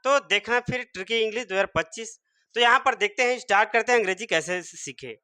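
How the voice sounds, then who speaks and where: A man's voice: sits high, fast, bright, forceful tone. A man teaching English spelling and pronunciation, sounding words out letter by letter and answering his own rhetorical questions. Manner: repeats rhetorical questions and answers them himself. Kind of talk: classroom-style spelling and pronunciation lesson.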